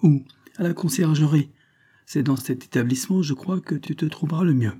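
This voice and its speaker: A man's voice: a little high, a little fast, dark tone, breathy edge, voice pushed up. A man voicing a small, frail, ironic police agent in a storybook reading, with a teasing, mocking manner.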